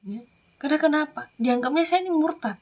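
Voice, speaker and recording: A woman from Madura, an evangelist, giving an earnest, emotional testimony that often drops into soft whispers. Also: high voice, brisk. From Madura, Indonesia.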